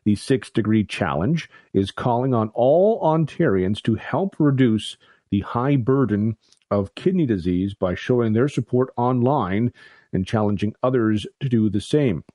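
A man's voice: mid-range voice, animated, measured pace, warm tone, no echo, studio quality. A man with a Canadian accent hosting a radio interview, conversational with hesitant uhs. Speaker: radio host.

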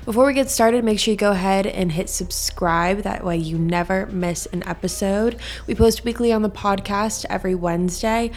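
A woman's voice: mid-range voice, moderate pace, hardly any pauses, darkish tone, faint music behind. A woman hosting a podcast as a true crime narrator, talking in a casual, conversational way straight to her listeners. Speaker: podcast host.

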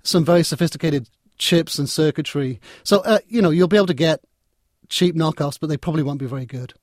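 A man's voice: fairly high pitch, fairly quick, dry recording, clean studio sound. A man talking as an interview guest in a conversational, discursive way, often repeating and reworking his words. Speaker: interview guest, technology writer and editor.

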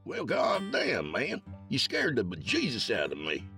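A man's voice: mid-range voice, wildly swooping pitch, unhurried, sharp tone, soft background music, pitched above the performer's own voice, heavily acted. A man voicing a big, crude hillbilly neighbor who drawls and curses. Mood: brash. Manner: drawling, cursing.

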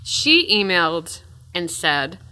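A woman co-hosting a podcast, easygoing and unhurried in casual chat. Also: lowish voice, big pitch swings, sharp tone, clean tone. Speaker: podcast co-host.

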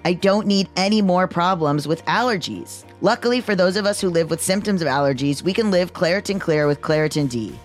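An androgynous, mid-pitched voice, deepened by testosterone and a little strained. The podcast host delivers scripted sponsor reads conversationally, slipping in personal asides, with music behind. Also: expressive, brisk, few pauses.

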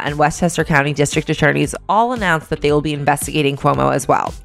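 A woman hosting a news podcast, reading scripted briefings and sponsor copy in an informal, wry manner. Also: sits low.

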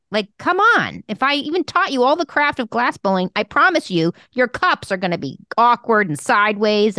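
Recorded dry with studio quality, this podcast co-host and screenwriting mentor has a fairly high, slightly bright voice. On her talk show she gives new writers blunt, emphatic advice in a relaxed, conversational style.

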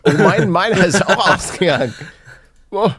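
A man's voice: sits high, animated, moderate pace, a bit bright. A man with a light northern German accent, co-hosting a casual podcast chat with playful teasing. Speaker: podcast co-host.

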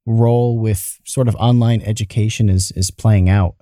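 A man hosts a casual podcast conversation in a mellow, dark-toned voice. He talks in halting bursts, and the recording is dry and close. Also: lowish voice, steady tone, no room sound. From New York, United States. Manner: chatty, halting, laughs easily. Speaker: podcast host.

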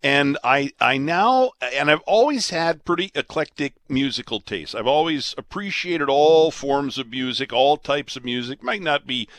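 A man in his late fifties hosting a radio talk show, chatting in a relaxed, rambling, self-deprecating way. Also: on the high side, a little slow, hardly any pauses, no room sound. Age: 50s.

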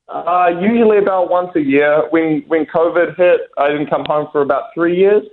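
Heard on a tinny phone connection, this guest is a young pro golfer with a New Zealand accent, his fairly high voice moving at normal speed. He handles the interview casually and hesitantly, stumbling through lots of fillers and restarts while laughing readily.

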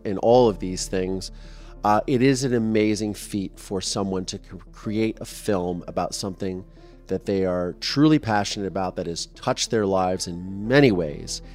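A man in his thirties hosting a podcast, talking casually and rambling with fillers and restarts, openly emotional at times. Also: fairly low pitch. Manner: openly emotional, voice softening when moved. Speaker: podcast host.

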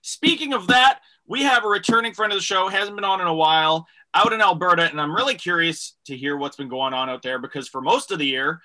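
A man's voice: high-pitched, brisk, hardly any pauses, pushed and bright, poor audio. A man hosting a casual comedy interview, chatty and wordy in an informal way. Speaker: comedy show host.

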